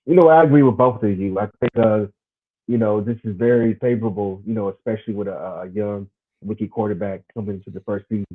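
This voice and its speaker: A man calling in to a casual sports chat over a choppy connection that keeps breaking up and dropping out, talking haltingly with lots of filler phrases. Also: fairly low pitch. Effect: choppy call breaking up and dropping out. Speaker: podcast panelist calling in. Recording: tinny, noisy, distant call line.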